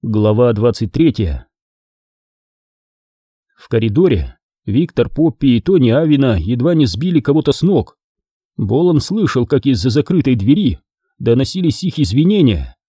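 A man narrating an audiobook thriller with expressive storytelling. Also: mid-range voice, moderate pace, long pauses, slightly rough, no room sound, studio quality.

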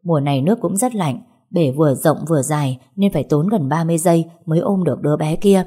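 A woman reads a first-person family drama aloud in a steady storytelling manner. Her voice sits low, with a mellow warmth and a husky, breathy edge. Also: quick pace. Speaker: narrator. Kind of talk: first-person audiobook narration.

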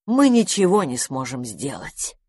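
A woman voicing the oldest male house spirit, speaking slowly, heavily and solemnly. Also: a bass voice, big pitch swings, husky, no echo, studio quality, voice pushed down, heavily acted. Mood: resigned. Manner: slow, heavy and solemn.

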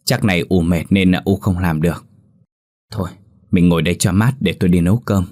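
A man voicing a gentle peasant husband, calmly trying to calm his wife. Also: low-pitched, a little fast. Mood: placating.

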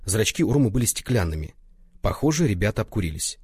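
A husky male narrator tells a first-person story with a lively, animated delivery that rises and falls. His voice is close and dry, with no room sound behind it. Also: quick pace, no echo. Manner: lively storytelling, raises pitch for other characters' lines. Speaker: audiobook narrator.

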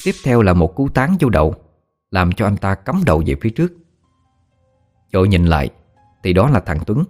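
A man reads a ghost story aloud in a low voice. His narration is steady and even. Faint music sits under the reading. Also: normal speed. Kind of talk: scripted narration.

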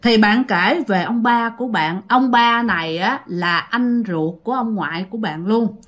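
A woman's voice: on the high side, moderate pace, fairly bright tone. A woman with a Southern Vietnamese accent hosting a channel, retelling listener-sent ghost stories in a chatty, repetitive way that speaks directly to the audience. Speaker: storyteller host.

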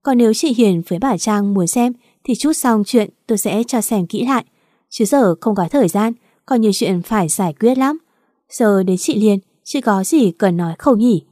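A woman reading the lines of an elderly father-in-law, measured and authoritative, in a storybook narration. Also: mid-range voice, lively intonation, dark tone, no echo, clean studio sound, close to an everyday voice. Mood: firm. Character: stern elderly father-in-law, calm and firm.

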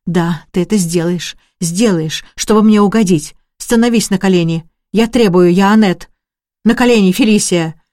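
A reader voicing a young, gravely ill woman who insists feverishly that she will live and orders others about. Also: mid-range voice, normal speed, darkish tone, no room sound, studio quality, natural voice. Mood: commanding. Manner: pleading, then commanding and mocking. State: coughing, short of breath.

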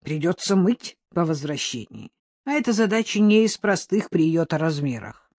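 An audiobook reader voicing a frantic dog owner who calls after his pet with shrill, pleading cries. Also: very animated, moderate pace, a little mellow, no echo, clean studio sound. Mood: fretful. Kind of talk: audiobook reading.

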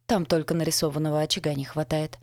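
A woman's voice: low-pitched, level tone, quick pace, a little mellow, dry recording, studio quality, lightly acted. A woman voicing a proud, bossy older female supervisor who gives instructions in a matter-of-fact way, in an audiobook. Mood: instructive.

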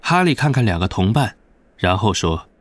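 Low-voiced male audiobook narrator. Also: sing-song, moderate pace, dry recording. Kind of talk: scripted narration.

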